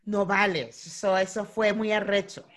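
A woman's voice: mid-range voice, unhurried. A young woman with a Venezuelan accent, chatting casually and animatedly with a co-host. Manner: animated, repetitive, laughing often. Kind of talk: casual chat, acting out a mock argument.

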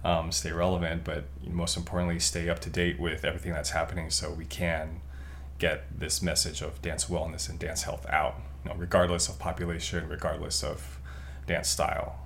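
Very low-voiced young man, earnest. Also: flat delivery, normal speed, fairly bright tone, slight background noise. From Taiwan. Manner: earnest, reflective, many ums and restarts. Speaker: podcast guest, physical therapist. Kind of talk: casual podcast chat.

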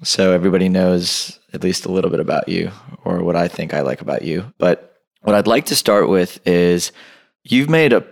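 A man's voice: deep voice, normal speed, vocal fry. A man hosting a podcast, upbeat and enthusiastic, talking with a guest in an apartment. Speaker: podcast host. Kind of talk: casual podcast interview.

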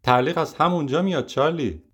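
A man voicing a defensive, excitable male TV presenter in an audiobook reading. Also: a little high, slightly rough, voice pushed up. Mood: insistent.

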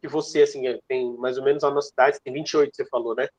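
Young são guy hosting a podcast, rapid rambling questions, kinda muffled dead-dry mic. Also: mid-range voice, fairly even intonation, darkish tone, no echo. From São Paulo, Brazil. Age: 20s. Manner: long, winding questions full of asides. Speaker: podcast host. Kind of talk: casual podcast interview.

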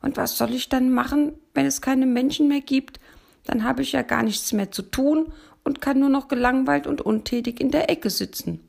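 A woman's voice: high voice, moderate pace, vocal fry, a little mellow, voice pushed up, heavily acted. A woman voicing a simple, stubborn male donkey who talks in a whiny, hesitant way. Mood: plaintive.

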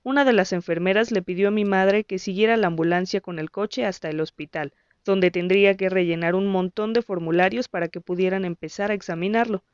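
A woman narrating a story in the first person with an even, measured reading. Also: mid-range voice, clean tone, no room sound, dull audio. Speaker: audiobook narrator.

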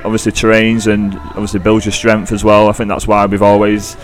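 A man with a northern English, British accent talks casually as a podcast guest. His voice is fairly low and stays level, with hesitant phrasing. Music plays behind him. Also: completely flat delivery, fairly quick, rough recording. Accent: northern English, Greater Manchester. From Greater Manchester, England. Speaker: podcast guest, club runner.

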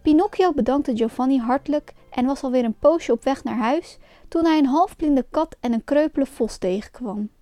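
A woman reads a children's storybook aloud in a gentle, expressive way. Her voice is fairly high and mellow, recorded dry and close. Soft music plays faintly underneath. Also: moderate pace, no echo. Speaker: narrator. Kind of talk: scripted storybook narration.

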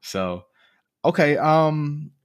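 A man's voice: a little high, lively intonation, extremely slow. A man in his twenties co-hosting a podcast, talking casually and rambling with lots of fillers and restarts. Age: 20s. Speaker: podcast co-host. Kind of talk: casual chat.

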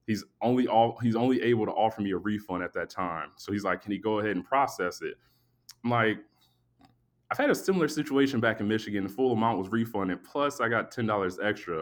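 A sleepy man hosting a podcast, telling a long story in a casual, animated, profane way and acting out both sides of the exchange. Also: on the low side. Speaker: podcast host.

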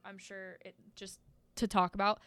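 A young adult woman in casual chat, reacting with animated exclamations and sharing stories full of "like". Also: mid-range voice, moderate pace, clear, resonant tone, no echo. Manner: chatty, animated reactions, many "like" fillers.

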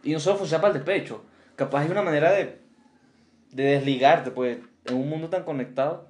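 Venezuelan dude cohosting, slangy, jumps in a lot, high-ish voice, roomy echo. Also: male voice, fairly quick, a little mellow. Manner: slangy, laughs easily, chimes in. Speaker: podcast co-host. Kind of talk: casual chat.

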